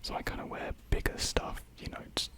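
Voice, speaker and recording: This casual ASMR chat features a young adult whispering softly and briskly into a nearby microphone with a breathy quality. Replying to comments from viewers, they hesitate, wander off on tangents, and make self-deprecating remarks.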